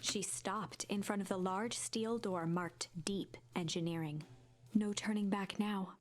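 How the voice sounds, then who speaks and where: A woman giving scripted storybook narration for a video game, in a hushed, suspenseful telling. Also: mid-range voice, a little slow, soft background music, natural voice.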